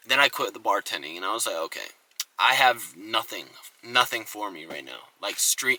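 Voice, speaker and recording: Bright, slangy young man talking straight to viewers. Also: mid-range voice, no room sound, poor audio. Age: young adult. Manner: slangy, profane, fast and animated. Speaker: content creator. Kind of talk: casual storytelling to camera.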